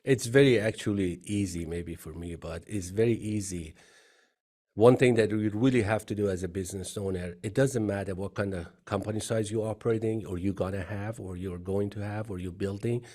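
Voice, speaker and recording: A man's voice: on the low side, dark tone. A middle-aged man from Iran with an Iranian accent, an earnest CEO guest telling his story in an interview and repeating phrases. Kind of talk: interview conversation.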